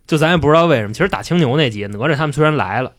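A man hosting a casual podcast, retelling a story in a slangy, animated way with casual swearing. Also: on the high side, very fast, no echo, studio quality. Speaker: podcast host.

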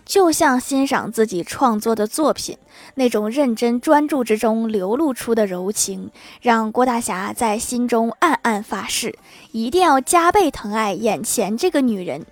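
A woman with a somewhat high voice narrates a string of short comic anecdotes. She reads them in a storytelling way and chuckles softly when a punchline lands. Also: animated, a little slow, dry recording. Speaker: joke narrator.

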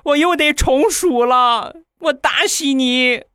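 A man voicing a greedy, whiny little boy nephew with a shrill, squealing voice. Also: slow pace, bright, forceful tone, dry recording, studio quality, heavily acted. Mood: furious. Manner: shrill, squealing, then wheedling.

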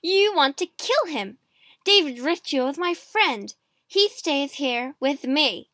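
A woman's voice: fairly high pitch, lively intonation, a little slow, fairly bright tone, no room sound, clean studio sound. A woman voicing a proud, outspoken young queen in an audiobook story, emphatic and commanding. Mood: alarmed, defiant.

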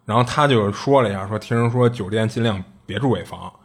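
A man's voice: fairly low pitch, brisk, husky. A man casually retelling a strange story, chatty and colloquial, often circling back with little restarts and asides.

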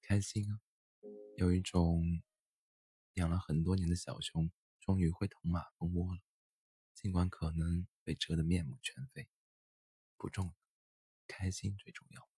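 A man's voice: low voice, steady tone, a little slow, long pauses, mellow, breathy edge, no echo. A man voicing a wry, teasing mother bear. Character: doting, joking mother bear.

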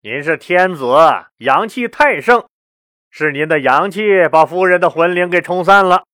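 A smooth-talking swindler sorcerer of the imperial court, as a male storyteller puts him on, stretching his warnings out slowly and solemnly in a high, strained voice. The sound is dry and close, with no room around it. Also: no room sound. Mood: reassuring. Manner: solemn, drawn-out warnings turning to alarmed shouts.

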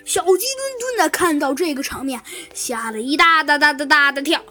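A woman narrating a children's story in a lively, exclamatory way. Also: high-pitched, moderate pace, soft background music.

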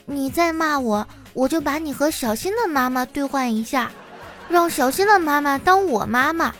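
A woman voicing a cheeky, defiant little girl who drags her words out slowly. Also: high voice, animated, fairly bright tone, faint music behind, pitched above the performer's own voice. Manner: slow, sassy, drawn-out.

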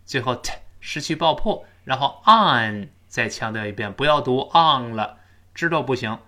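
A man who is a native Chinese speaker, teaching English pronunciation, explaining sounds in detail and slowing way down on model sentences for students to repeat. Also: medium pitch, expressive, pushed and bright. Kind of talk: spoken English lesson with repeat-after-me drills.

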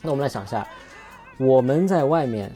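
A man's voice: medium pitch, lively intonation, fairly quick, mellow, faint music behind. A man hosting a casual solo podcast, rambling and correcting himself as he looks things up while he talks. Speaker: podcast host.

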